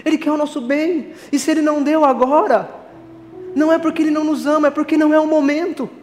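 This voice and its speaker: A man's voice: extremely high pitch, steady tone, quick pace, darkish tone, a little hiss or hum. A man preaching an earnest sermon, telling illustrative stories with emphatic delivery. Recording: long reverb, faint music.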